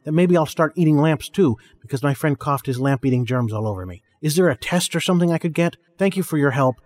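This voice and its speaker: A man playing an obliging male co-host who reads listener mail in a formal, measured way. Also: on the high side, animated, a little mellow, natural voice. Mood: matter-of-fact.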